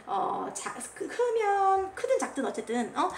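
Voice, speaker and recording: Young woman teacher, high animated voice, chatty lecture, keeps asking if u got it. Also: measured pace, a little hiss or hum. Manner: chatty, keeps checking in with listeners; acts out the poet's commands in a scolding voice. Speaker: Korean literature teacher. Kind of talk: classroom lecture explaining a classical poem.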